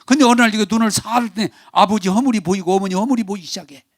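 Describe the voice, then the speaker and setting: A male pastor preaching a Sunday sermon in Korean, animated, acting out quarrelling family members. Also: high-pitched, racing, no room sound, clean studio sound. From South Korea. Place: church sanctuary.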